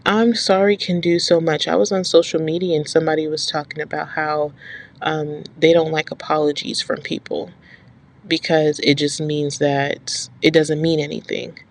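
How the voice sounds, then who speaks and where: A woman's voice: deep voice, level tone, moderate pace. A woman vlogger talking straight to her viewers with firm advice, stressing and repeating her points and checking in with "okay?". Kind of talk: direct-to-camera advice talk.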